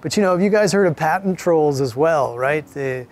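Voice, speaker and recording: A man's voice: on the high side, lively intonation, normal speed, background noise. A man lecturing a college class in a conversational way, often repeating words as he thinks aloud.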